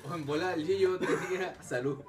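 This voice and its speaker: Teasing Chilean man, high voice. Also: quick pace, music in the background. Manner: teasing, interrupting. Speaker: podcast co-host. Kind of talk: casual joking banter.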